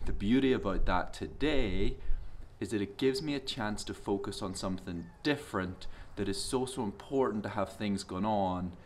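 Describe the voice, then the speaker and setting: Hoarse, congested Irish man. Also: on the low side, normal speed. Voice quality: nasal. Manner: conversational, rambling with fillers. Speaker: runner vlogger. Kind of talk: casual vlog.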